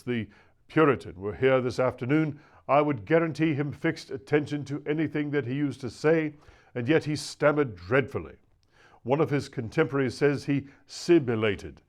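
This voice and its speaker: A man giving a scripted reading of a nineteenth-century lecture to preachers, in a measured, oratorical delivery with shifting emphasis. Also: mid-range voice. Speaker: reader of a classic lecture.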